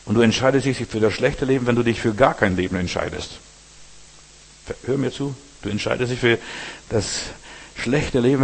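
Husky-voiced preacher man in a hall. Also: mid-range voice. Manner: direct address with frequent "verstehst du". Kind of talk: sermon.

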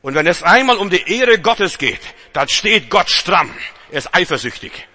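A man preaching a sermon, dramatic and full of rhetorical questions, swinging between loud exhortation and hushed intensity. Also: high-pitched, big pitch swings, moderate pace, husky.

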